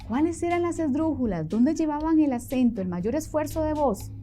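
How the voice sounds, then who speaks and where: A woman with a Costa Rican accent leads a televised children's class, asking questions and cheering the kids on with lively energy. Her voice sits high, she talks at normal speed, and soft music plays behind her.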